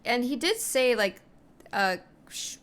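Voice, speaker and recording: A woman's voice: fairly high pitch, animated, takes it slowly, fairly bright tone. A woman hosting a reaction video, giving casual, joking commentary in a slangy, rambling way.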